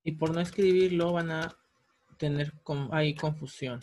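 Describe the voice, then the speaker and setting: A man teaching English grammar in a recorded lesson, explaining patiently step by step and slowing down for the English examples. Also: on the high side, steady tone, a little mellow.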